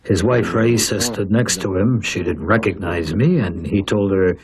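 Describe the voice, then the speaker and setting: A man's voice: deep voice, normal speed, a crowd in the background. A man voicing the translation of interviews in a dubbed voice-over, rising on key words.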